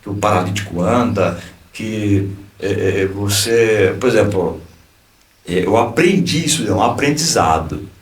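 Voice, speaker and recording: A man's voice: on the low side, a little slow. Brazilian man telling a story in an echoey room. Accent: Brazilian Portuguese. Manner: animated storyteller, acts out dialogue, frequent restarts. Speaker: lawyer and pastor, podcast guest. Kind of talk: personal testimony in casual conversation. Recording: echoey room, distant from the mic.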